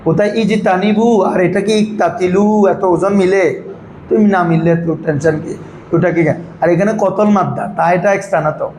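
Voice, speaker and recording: A male Arabic grammar teacher, drilling his students with quick questions in a patient classroom manner. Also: sits high, steady tone, darkish tone, echoey room, a little hiss or hum, rough recording.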